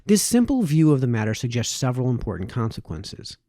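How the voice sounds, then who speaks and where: Reading aloud a formal historical political text, a male narrator uses measured, emphatic phrasing. His voice is mellow and relaxed, with pitch that rises and falls in a lively way. The recording is close and dry, with no echo.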